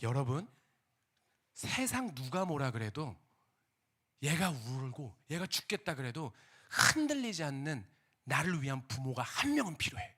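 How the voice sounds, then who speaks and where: A young man preaching a sermon, animated and theatrical, dropping to whispers and rising to shouts as he acts out scenes. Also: medium pitch, unhurried, husky.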